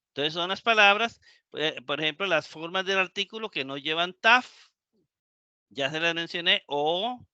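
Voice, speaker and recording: Bright-voiced man teaching. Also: a little high, no echo. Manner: slow and explanatory, with many fillers and repeats. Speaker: Greek teacher. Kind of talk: live online lecture.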